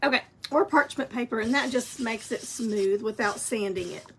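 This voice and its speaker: A woman teaches a live craft painting lesson online in a chatty, supportive manner. Her fairly high, slightly bright voice is scratchy, she clears her throat, and she keeps a moderate pace.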